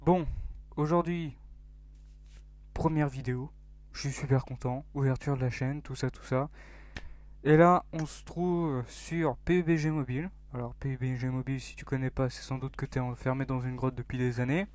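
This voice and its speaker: Joking young gamer. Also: male voice, medium pitch, fairly even intonation, moderate pace, a little mellow. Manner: joking, self-mocking, rambling with fillers; drops to near-whispers in tense moments. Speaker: gaming YouTuber. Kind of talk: casual mobile game commentary.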